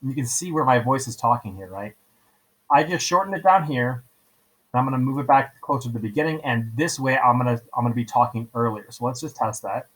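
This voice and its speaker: A man's medium-pitched, fairly bright voice moves briskly through a casual screencast software tutorial. As a teacher, he explains step by step, repeats himself, and keeps checking in with "right?" The recording quality is low.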